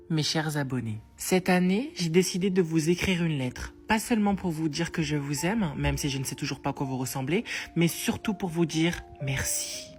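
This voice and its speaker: A woman reading a mock-sincere letter to her followers in a deadpan, soft manner. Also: sits low. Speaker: comedy creator.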